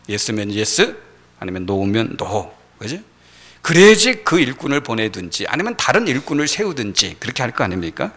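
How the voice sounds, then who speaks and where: Animated male pastor preaching. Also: mid-range voice. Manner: asks the congregation rhetorical questions; emphatic, repeats key phrases. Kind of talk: Sunday sermon. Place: church sanctuary.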